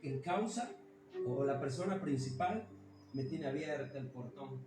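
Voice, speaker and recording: A preacher voicing a cornered male demon who answers back, in slow pleading questions, during a sermon. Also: mid-range voice, lively intonation, noisy background, natural voice. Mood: defiant. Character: cornered male demon legion, defiant and fearful. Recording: echoey church hall, mic far off.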